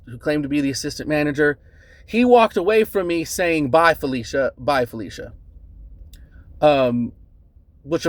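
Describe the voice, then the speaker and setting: A man calmly recounting a bad encounter as a customer, earnest and measured, often adding "right?" and "um". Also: on the high side, no room sound. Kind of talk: casual spoken account to camera.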